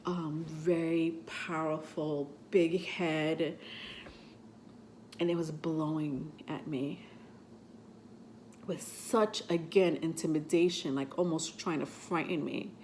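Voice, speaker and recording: Talking casually to camera on her tarot channel, this host rambles along with plenty of fillers, slow and fairly even in intonation. Her lowish, darkish voice sounds a little stuffy from a cold she's recovering from, and faint hiss sits underneath.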